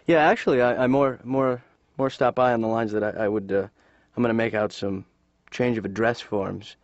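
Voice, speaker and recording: A man's voice: medium pitch, steady tone, normal speed, no echo, close to an everyday voice. A man voicing a rambling aimless son. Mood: sheepish. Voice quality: hesitant, rambling. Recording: dull dry lo-fi studio track.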